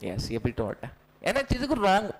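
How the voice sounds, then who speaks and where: Playful high-voiced Indian male teacher. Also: wildly swooping pitch, moderate pace, low-quality recording. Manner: playful, jokey, repeats lines and quizzes students. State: recently unwell. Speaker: online exam-prep teacher. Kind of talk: energetic classroom lecture.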